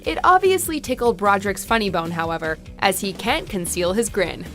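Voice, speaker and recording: A woman's voice: mid-range voice, expressive, a little fast, fairly bright tone, soft background music. A woman reading scripted narration for a countdown video as its narrator.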